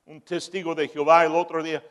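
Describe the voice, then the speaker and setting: A man preaching a sermon as pastor, moving from shouted peaks to joking asides. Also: a little high, little pitch movement, fast talker.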